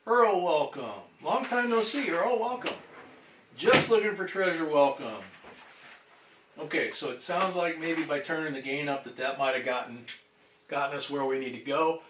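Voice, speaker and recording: A man hosting a casual livestream and greeting viewers, sounding distant from the boom microphone. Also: moderate pace, background noise. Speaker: livestream host. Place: indoors at a table. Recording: roomy echo, distant microphone.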